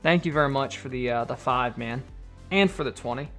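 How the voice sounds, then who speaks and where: Soft music sits under this American card collector streamer as he casually talks on a live stream and reads viewer donations and comments aloud. He has a medium-pitched voice and speaks fairly quickly.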